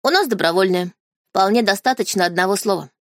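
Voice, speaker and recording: Audiobook: woman reader as detached male sacred beast in boy form, flat calm delivery, dry close sound. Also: mid-range voice, a little fast, no echo, natural voice. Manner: calm, indifferent, matter-of-fact. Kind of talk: audiobook character reading.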